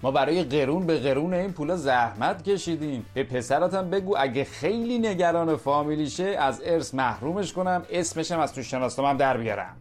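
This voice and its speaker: A man's voice: fairly high pitch, lively intonation, hardly any pauses, faint music behind, lightly acted. A man playing a grumbling middle-aged husband and father in a comic radio sketch, exasperated and ranting.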